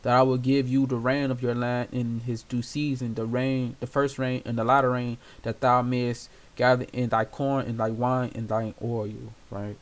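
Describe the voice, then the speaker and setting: A man's voice: mid-range voice, flat delivery, moderate pace, few pauses. A man leading an informal Bible study, reading scripture aloud and explaining it casually with many fillers. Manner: casual and conversational, many fillers and "you know"; reads scripture aloud in old-style wording. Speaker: Bible teacher.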